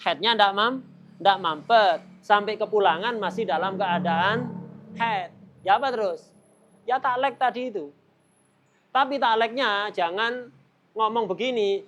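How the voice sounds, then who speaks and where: A man's voice: high-pitched, fairly bright tone. A man teaching a religious study lesson, often cutting off mid-word to repeat it and putting rhetorical questions to his listeners. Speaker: Islamic teacher.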